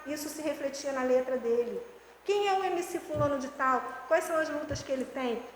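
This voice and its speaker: A woman educational psychologist from Brazil chatting and giving teachers lively tips with everyday examples. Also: sits high, fairly quick. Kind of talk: casual explanatory chat. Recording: echoey room with faint noise.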